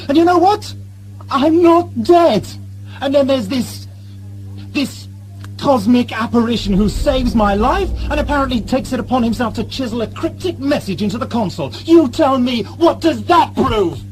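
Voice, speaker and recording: A man's voice: extremely high pitch, lively intonation, normal speed, a little hiss or hum, rough recording. A man playing a bitter, suspicious time-travelling alien, theatrical and brooding, in an audio drama. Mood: angry, agitated. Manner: theatrical, brooding, erupting into shouts.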